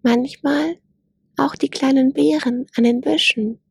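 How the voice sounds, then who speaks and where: A woman's voice: high voice, fairly even intonation, a little slow, vocal fry, no room sound, pitched above the performer's own voice. A woman voicing a wary young female gazelle in a storybook, asking hesitant, cautious questions in a raised voice. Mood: timid.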